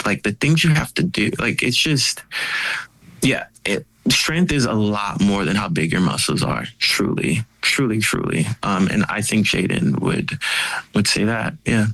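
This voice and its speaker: A man speaking as a guest in a casual interview, expressive and animated, with many "like" fillers. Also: lowish voice, unhurried, vocal fry, low-quality recording. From United States.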